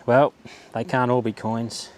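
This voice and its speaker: On a beach, a metal detecting vlogger keeps up a laid-back, understated running commentary, half talking to himself as he searches. His mid-range voice is flat, a little slow and a little mellow, and clear outdoor background noise is audible.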